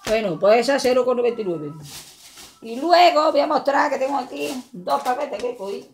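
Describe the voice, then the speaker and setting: Vlogger, Andalusian woman, slightly high voice, chatty and jokey, home recording with faint hiss. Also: expressive, normal speed. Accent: Andalusian Spanish. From Andalusia, Spain. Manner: chatty, jokey, talks to viewers as friends. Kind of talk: casual shopping haul vlog. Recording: faint background noise.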